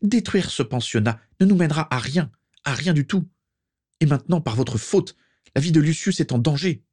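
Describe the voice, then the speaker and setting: A woman's voice: deep voice, expressive, moderate pace, a little mellow, slightly rough, voice pushed up. A man reading aloud and voicing a defiant, outspoken young wife who reproaches her elders. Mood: reproachful.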